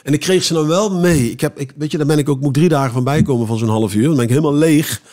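A man who performs cabaret, telling rambling, animated anecdotes with many restarts in a casual podcast interview. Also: fairly high pitch, very fast.

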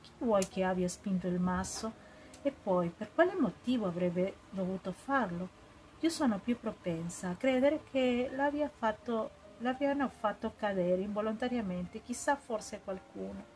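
A woman's voice: medium pitch, expressive, unhurried, darkish tone, lightly acted, rough recording. A woman reading the part of a chatty, suspicious English tourist lady. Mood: protesting. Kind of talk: audiobook character reading.

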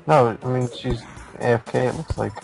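A man playing in a casual multiplayer game on a headset, talking in a slow, hesitant, matter-of-fact way. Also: medium pitch, creaky, a little mellow, faint music behind, rough recording. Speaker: co-player. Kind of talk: casual multiplayer gameplay chat. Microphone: headphones with mic.

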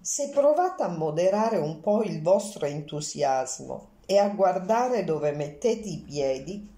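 A woman's voice: fairly low pitch, lively intonation, slow pace, dark tone, roomy sound. A woman voicing a sensible male companion of a detective in an audiobook, speaking dryly.

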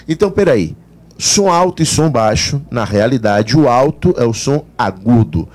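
Brazilian male teacher, lively pitch, explains physics to a broadcast class. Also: normal speed. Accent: Brazilian Portuguese. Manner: animated explanations, voices students' questions. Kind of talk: live exam-prep class broadcast.

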